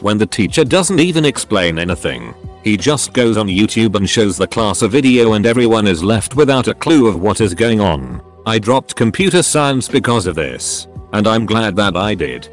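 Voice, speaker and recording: A man with a fairly low voice reads online posts aloud in a flat, even delivery. Quiet music plays underneath him. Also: moderate pace. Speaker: narrator. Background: faint music.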